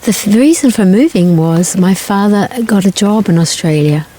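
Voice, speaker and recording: An older woman who grew up in New Zealand, answering interview questions in a gentle, thoughtful way with pauses and restarts. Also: medium pitch, lively intonation, poor audio. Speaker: guest, singer-songwriter.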